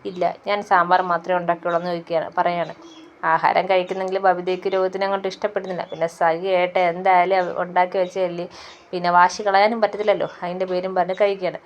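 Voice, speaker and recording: A woman's voice: lowish voice, flat delivery, fast, highs cut off, slight background noise. A woman casually retelling a TV serial episode, rambling on with fillers and repeated "she says" tags.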